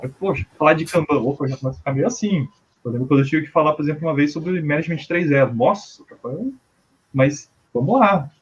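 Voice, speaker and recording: Brazilian male guest, casual and chatty, slightly high husky voice, dull lo-fi audio. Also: fast. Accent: Brazilian Portuguese. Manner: relaxed, filler-heavy, says "cara" often. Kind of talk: casual podcast chat.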